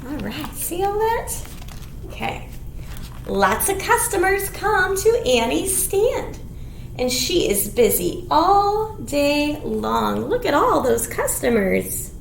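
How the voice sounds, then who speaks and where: A children's librarian hosts storytime in a very high, sing-song voice that swoops widely in pitch, very animated yet slow, with simple phrasing for little listeners. She reads aloud with songs and rhymes, and the echoey room carries clear background noise.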